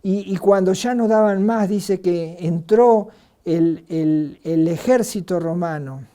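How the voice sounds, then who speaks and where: An Argentine woman preaching a sermon in an earnest way, asking rhetorical questions and pausing on filler words. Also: lowish voice, dark tone. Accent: Argentine Spanish.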